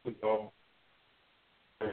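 A man hosting a casual chat over a call, his speech breaking up into fragments as the line drops out. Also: takes it slowly. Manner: loose, with many "um"s. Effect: call dropping out, speech breaking up. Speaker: podcast host. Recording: tinny phone-line audio.

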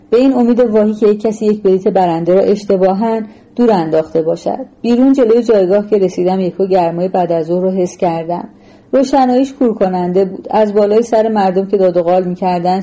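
A woman reading a novel aloud as narrator in a measured, even storytelling manner. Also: medium pitch, poor audio. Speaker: audiobook narrator. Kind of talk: scripted literary narration.

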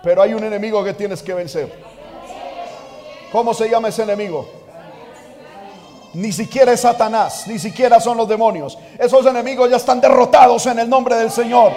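A man preaching a sermon as pastor, fervent, moving from quiet asides to shouted exhortation. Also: very high-pitched, normal speed, long pauses, some chatter behind. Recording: reverberant church hall.

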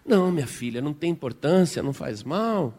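A male preacher voicing a patient, forgiving mother who calms her daughter in soft, soothing tones during a sermon story. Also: on the high side, brisk, big-room sound. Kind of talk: sermon illustration.

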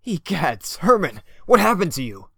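A man's voice: on the high side, very animated, normal speed, gravelly, bright, forceful tone, slightly rough, no echo, clean studio sound, exaggerated voice. A man playing a bombastic, patriotic space captain with earnest, overblown heroics. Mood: commanding. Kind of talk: comedy audio drama acting.

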